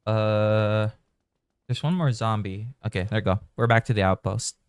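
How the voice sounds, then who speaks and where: A man's voice: fairly low pitch, steady tone, normal speed, clear, resonant tone, no echo, clean studio sound. A man from the Philippines giving casual, rambling commentary while live-streaming a game. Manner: chatty, rambling, thinking aloud.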